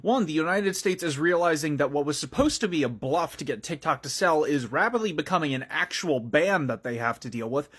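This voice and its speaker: A man with a somewhat high, husky voice delivers opinionated news commentary. He explains briskly, with a sardonic edge. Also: animated, fairly bright tone.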